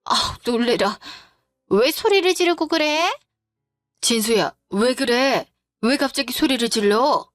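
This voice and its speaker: A grieving middle-aged widow, pleading but firm, as a woman puts her on. The voice is a touch high and close, dry, with faint music behind it. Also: expressive, unhurried, dry recording. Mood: distressed. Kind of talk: storytelling drama voice acting.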